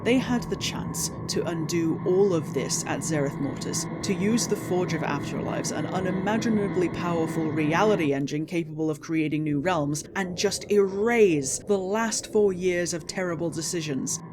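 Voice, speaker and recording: Low-pitched woman in an indignant rant. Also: moderate pace, few pauses, heavy background noise. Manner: indignant, sarcastic, emphatic ranting with incredulous outbursts; swears casually. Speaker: video essayist, game story critic. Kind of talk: scripted opinionated rant commentary.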